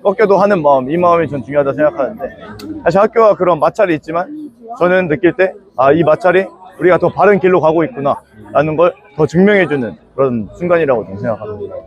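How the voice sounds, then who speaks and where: Young male student interviewee, quick delivery, careful wording, slightly dull lo-fi sound. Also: fairly high pitch, animated. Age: young adult. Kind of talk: spoken interview answers. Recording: dull, band-limited interview audio.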